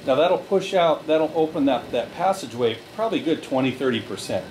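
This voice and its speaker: A man leading a relaxation group through guided breathing, giving slow, calm step-by-step directions. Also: mid-range voice, slight background noise.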